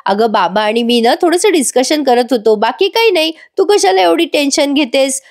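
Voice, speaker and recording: A woman voicing a gentle young mother reassuring her frightened child. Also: high-pitched, expressive, moderate pace, voice pushed up. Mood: soothing. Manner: soothing, reassuring.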